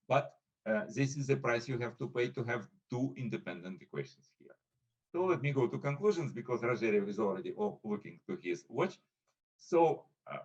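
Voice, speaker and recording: A man presents a physics talk at a conference and answers questions, with a mid-range voice. He talks in a halting, hesitant way and often pauses to find his words. The sound is muffled and dull, like video-call audio. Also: mid-range voice. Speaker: invited speaker.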